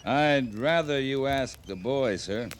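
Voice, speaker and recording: An actor playing a steady, fair-minded cavalry captain in a radio western, calm and plain-spoken. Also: male voice, mid-range voice, takes it slowly, close to an everyday voice. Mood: earnest. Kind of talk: 1950s radio western acting. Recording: old radio drama, light noise.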